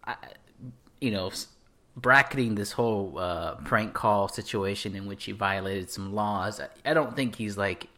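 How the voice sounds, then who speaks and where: A man's voice: fairly low pitch, a little slow, bright, forceful tone. An American man co-hosting a podcast, talking casually in a hedging, conversational way. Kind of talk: casual chat.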